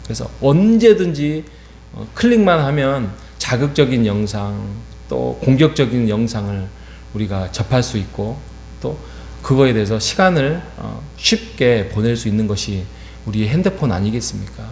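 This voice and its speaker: A middle-aged male pastor preaching at a dawn service, his earnest voice sitting at an ordinary pitch. He leans on fillers and rhetorical questions as he talks. The sound rings around a roomy church sanctuary over a faint electrical hum. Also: lively intonation, normal speed, darkish tone. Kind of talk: early-morning sermon.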